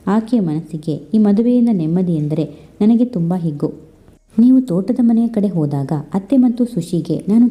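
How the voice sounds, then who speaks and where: A woman's voice: fairly low pitch, dark tone, lightly acted. A woman reading as a polite young man's letter. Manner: courteous, measured letter reading. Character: young man writing a polite family letter.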